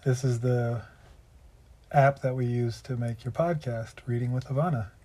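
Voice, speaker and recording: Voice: medium pitch, fairly even intonation, moderate pace, mellow. An adult reading a storybook aloud and chatting with a child, prompting and repeating phrases. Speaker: parent reading a storybook to a child, podcast host. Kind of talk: read-aloud storytelling mixed with casual chat with a child.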